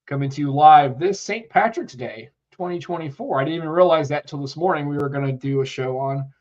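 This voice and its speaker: Through muffled audio, an American podcast co-host with a cold speaks brisk and fairly high, with a slightly mellow quality. He chats loosely on the live stream, wandering off topic and reading chat comments.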